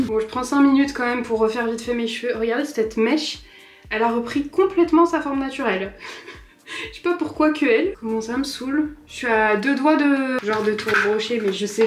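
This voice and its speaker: A young woman chatting casually to camera in her apartment, rambling with self-mocking asides. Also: a little high. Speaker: vlogger. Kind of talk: casual home vlog. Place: apartment living room.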